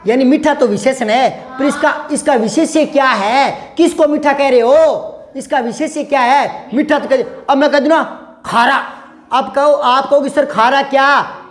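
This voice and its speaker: Male teacher, slow and patient, drills words until pupils get them. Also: very high voice. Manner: calls pupils "beta", asks constant questions. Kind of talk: classroom grammar lesson.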